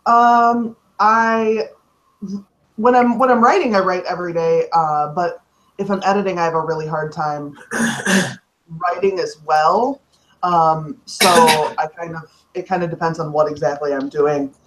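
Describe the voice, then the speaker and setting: A woman's voice: fairly low pitch, fairly even intonation, unhurried, rough recording. A woman author chatting casually on a video call, rambling and correcting herself as she talks frankly. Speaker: author guest.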